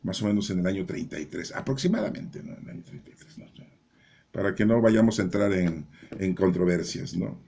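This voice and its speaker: A man with a fairly low voice talks through the day's scripture readings. His style is chatty rather than formal, with frequent "¿verdad?" and "¿no?" thrown in. Now and then he lifts his pitch to mimic a doubter. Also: animated, brisk, gravelly, dark tone. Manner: conversational, keeps asking "¿verdad?" and "¿no?". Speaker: lay preacher explaining scripture readings. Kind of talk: informal Bible reading commentary.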